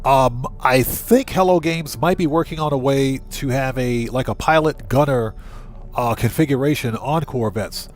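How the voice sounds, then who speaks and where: Talking to his viewers, a man hosting a livestream gives chatty, think-aloud commentary on a video game in a casual way. He uses a mid-range voice at a moderate pace, with faint music in the background.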